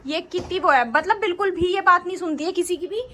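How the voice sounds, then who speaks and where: A woman's voice: very high voice, fast talker, pushed and bright, a little hiss or hum. A woman in her late forties chatting casually through a family home vlog, scolding and teasing a child as she goes. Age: 40s. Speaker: family vlogger.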